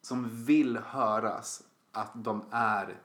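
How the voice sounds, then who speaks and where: Bright-voiced woman venting, echoey. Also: rumbling low, fairly even intonation. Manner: laughing, exasperated venting about customers. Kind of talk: casual chat. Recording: echoey room.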